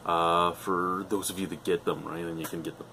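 Deep-voiced enthusiastic male beer reviewer. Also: level tone, normal speed, background noise. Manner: enthusiastic, swears freely, rambling. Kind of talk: casual beer review vlog. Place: living room at home, indoors.

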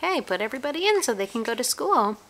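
A woman, a mother, chatting gently in a sing-song way to her toddler, repeating simple questions. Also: fairly high pitch, sing-song, rapid-fire. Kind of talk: casual child-directed chat, gentle questions to a toddler. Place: carpeted room at home. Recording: home camera with clear background noise.

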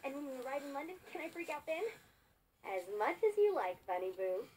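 A squeaky excitable teen fashion girl. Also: moderate pace. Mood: excited. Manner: peppy, gushing teen slang. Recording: game audio with music behind.

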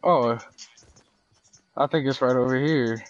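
A man's voice: mid-range voice, slow, highs cut off. A young man talking in a casual, slangy way while playing a video game. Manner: informal, slangy. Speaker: gamer. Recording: noisy game voice chat with clicks.

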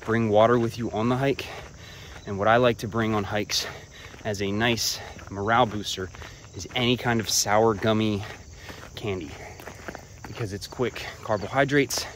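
A man vlogging hiking tips while walking a trail outdoors, relaxed and a bit profane, talking between breaths. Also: lowish voice, unhurried, slight background noise. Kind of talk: casual talk while hiking. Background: crickets and insects.

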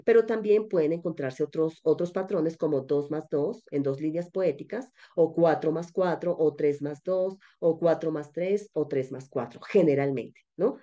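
A woman with a low, mellow voice teaches an online class, working through each point methodically and often pausing to restart a phrase. The audio is dull and slightly lo-fi, as from a webinar call. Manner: explanatory, methodical, with many fillers and restarts. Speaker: biblical studies lecturer. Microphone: webinar call microphone.

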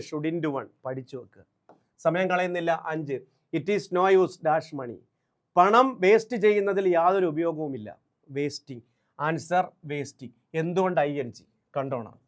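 A man with a Malayali accent teaches an exam-prep English grammar lesson in a fairly high voice. He is brisk and drilling, and he stretches each English example out slowly so students can catch it. He speaks close to the mic.

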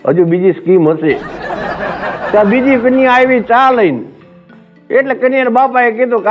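Male comic, rambling storyteller who plays his friend's lines; tinny lo-fi recording. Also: high-pitched. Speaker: stand-up comedian. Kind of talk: Gujarati folk joke telling to a live audience. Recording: tinny phone-like stage recording with faint music.

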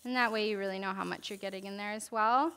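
On the stage of a big church hall, a young herbalism presenter teaches informally, reading from notes and later demonstrating, with lots of fillers and restarts. Her medium-pitched voice is steady, clear and resonant, a bit bright, at a quick pace.

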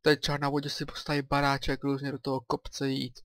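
Speaking in a mid-range voice, a man with a Czech accent gives relaxed let's play commentary, musing aloud in a chatty way and exclaiming when excited.

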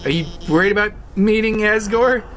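A woman's voice: medium pitch, normal speed, a little hiss or hum, lightly acted, poor audio. A woman voicing a nervous, stammering female lizard scientist who guides and reassures. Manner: stammering, hesitant.

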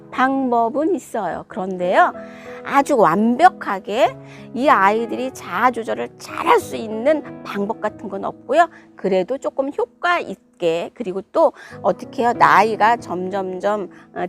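A woman's voice: a little high, gravelly. A woman parenting educator giving an emphatic lecture on child discipline and asking her listeners rhetorical questions.

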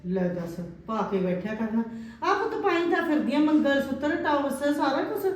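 A woman's voice: high-pitched, very animated, normal speed, a little hiss or hum. An actress playing a soothing, placating village mother-in-law. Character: indulgent mother-in-law, older village woman. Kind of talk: village family drama acting. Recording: very echoey room.

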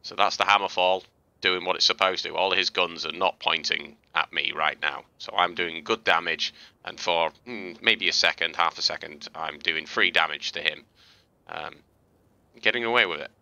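This man narrates gameplay clips as a casual commentary and tutorial, at normal speed, in a low, gravelly voice with a hard, forceful edge. He's laid-back and conversational, full of fillers and false starts, and the audio is close, dry and dull with no room sound at all.

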